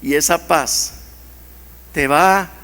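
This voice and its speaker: A male pastor preaching a sermon to his congregation, swinging from loud, urgent pleas to hushed, intimate passages, recorded on a stage microphone in a church. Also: fairly high pitch, very slow. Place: church hall. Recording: long church-hall reverb.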